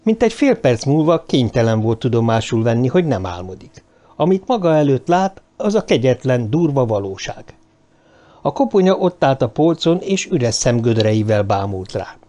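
Guy reading a story, warm dark tone, voice goes up and down a lot. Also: medium pitch. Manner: expressive storytelling. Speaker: audiobook narrator. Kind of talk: scripted narration.

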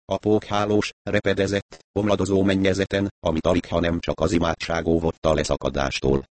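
A man narrating an audiobook in a steady, measured reading. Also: low voice, dry recording.

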